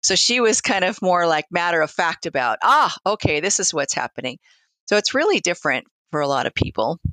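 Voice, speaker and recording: A woman's voice: fairly low pitch, very animated, brisk, a bit bright, dry recording. A woman speaking as a hospice nurse and interview guest, reflectively sharing anecdotes in conversation and acting out quoted exchanges. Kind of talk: conversational storytelling.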